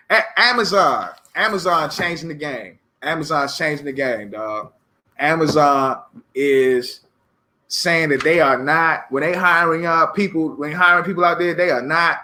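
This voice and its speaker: High, bright-voiced man ranting bluntly. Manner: blunt, profane, ranting with bursts of shouting. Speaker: podcast host. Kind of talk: unscripted casual monologue.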